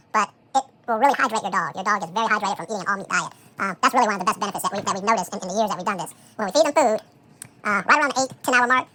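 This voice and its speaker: Casual how-to talk comes from a home cook working on dog food, relaxed and peppered with "so" and "um" while thinking aloud. A chipmunk effect makes the voice very fast, high and bright.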